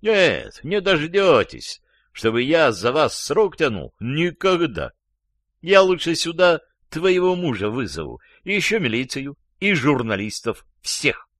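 A man's voice: medium pitch, big pitch swings, unhurried, a bit bright, no echo. A sarcastic, gloating man, voiced by a male narrator in a storybook reading. He sounds scornful and biting, with a dry, close sound. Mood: mocking, angry. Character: angry mocking man, jealous lover.

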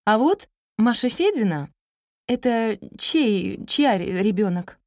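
A woman's voice: a little high, animated, takes it slowly, a little mellow, no room sound, studio quality, voice pushed up. A woman voicing a flustered, eager young female teacher in an audiobook story, talking in a nervously cheerful, babbling way. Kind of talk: audiobook character reading.

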